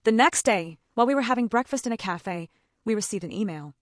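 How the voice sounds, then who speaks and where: A woman's voice: a little high, expressive, a little fast, no echo, studio quality. A woman narrating a first-person drama story in a scripted, dramatic storytelling manner.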